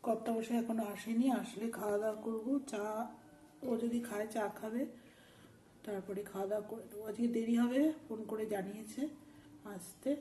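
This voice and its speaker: A woman's voice: a little high, little pitch movement, brisk, dark tone, slight background noise. A woman with a sore throat, chatting homely in a casual cooking vlog from her home kitchen, explaining each step. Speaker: vlogger.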